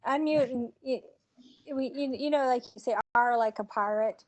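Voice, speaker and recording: A woman's voice: fairly high pitch, normal speed, rough recording. A woman co-organizing an online talk, chatting playfully with the group over a video call. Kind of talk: casual chat.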